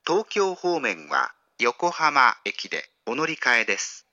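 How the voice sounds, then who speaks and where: A man giving a formal train station platform announcement in a slow, measured announcer delivery. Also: medium pitch, very animated, gravelly, pushed and bright, no echo, lo-fi sound. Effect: recorded train station platform announcement.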